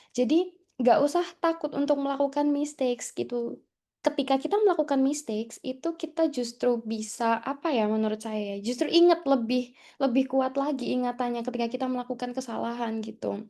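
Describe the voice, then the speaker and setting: A woman's voice: high voice, mellow. A young adult woman from Indonesia, chatting as a guest speaker at an English class, with many fillers and English words mixed in. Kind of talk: storytelling talk to students.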